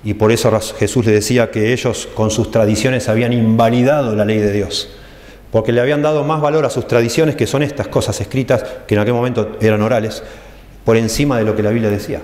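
Preacher in an echoey church hall. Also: male voice, medium pitch, fairly even intonation, darkish tone. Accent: Rioplatense Spanish. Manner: explanatory, reads texts aloud slowly and stresses phrases. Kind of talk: church teaching sermon.

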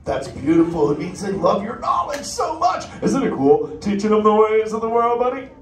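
A man with a high, very animated voice speaks at normal speed as a chill surfer sea turtle in a live audience show at a theme park, with soft music underneath. Using relaxed surfer slang, he sounds stoked, captured distantly in an echoey indoor theater with crowd noise.

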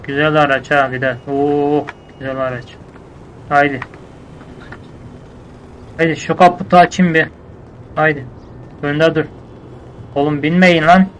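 Brief: man in a game roleplay, scolding and bossy, slightly high voice, faint noise. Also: flat delivery, unhurried, long pauses, a bit bright, rough recording. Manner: bossy, scolding, slangy street talk. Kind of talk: casual in-character game roleplay.

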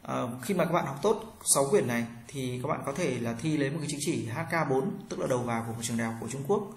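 A man teaching a pronunciation lesson, drawing out model syllables slowly for learners to repeat. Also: mid-range voice, lively intonation, echoey room, slight background noise.

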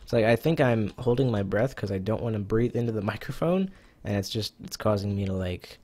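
A man's voice: lowish voice, animated, brisk, a little mellow, low-quality recording. Chatty man narrating his gameplay. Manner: chatty, self-talking while playing, swears casually. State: slightly out of breath. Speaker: gaming YouTuber. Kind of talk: casual let's-play commentary.

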